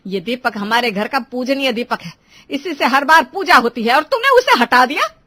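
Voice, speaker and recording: A woman voicing a stern older mother-in-law in a cartoon who is quick to scold. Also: fairly bright tone, no room sound. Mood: angry. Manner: scolding, shrill when angry. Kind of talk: cartoon voice acting.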